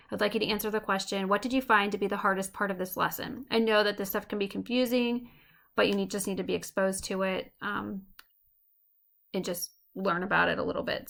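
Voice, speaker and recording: A woman teacher giving a recorded lesson, explaining clearly and slowing down to tap out rhythms. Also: mid-range voice, fairly bright tone.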